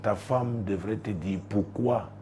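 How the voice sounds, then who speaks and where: A male pastor giving marriage advice in a lively talk show, telling stories with frequent laughter and sudden excited rises in his voice. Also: slow, slight background noise. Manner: animated, joking, laughs often, rises sharply in pitch when excited.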